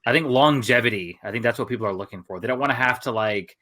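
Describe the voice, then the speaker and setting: A fast-talking man with a mid-range voice co-hosts a podcast, chatting casually. He's animated and rambles, filling his speech with fillers.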